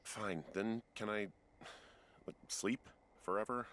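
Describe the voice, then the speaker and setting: A man's voice: fairly low pitch, fairly even intonation, slow, fairly bright tone. An actor playing a weary, curt man who has just arrived at a remote fire lookout, talking over a radio handset. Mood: grumpy. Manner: dry, curt. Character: tired, grumpy adult man, new fire lookout.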